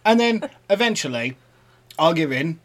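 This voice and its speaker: A man's voice: medium pitch, expressive, moderate pace. A man co-hosting a casual podcast, teasing and arguing with his partner and laughing often. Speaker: podcast co-host. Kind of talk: casual couple banter.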